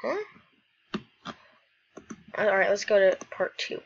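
A woman reading a game story aloud in casual commentary, playful and rambling, with quick asides between lines. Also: mid-range voice, gravelly, breathy edge, dull audio.

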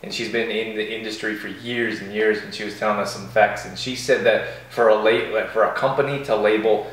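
A man in his thirties co-hosting a casual morning chat at home, relaxed and chuckling often. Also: fairly low pitch, a little fast. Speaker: co-host. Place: home kitchen. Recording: echoey kitchen room.

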